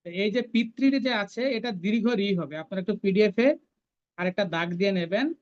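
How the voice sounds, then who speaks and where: A woman leads a scripture recitation class, slowly chanting each verse and then explaining how it should be pronounced. Her voice is medium-pitched, and the sound is lo-fi.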